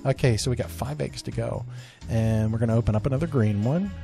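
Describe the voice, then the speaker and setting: A man's voice: mid-range voice, a little fast, creaky, mellow, faint music behind. A middle-aged man chatting casually with his child while unboxing toys, upbeat and full of fillers. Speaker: parent co-host unboxing toys. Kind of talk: casual family toy unboxing.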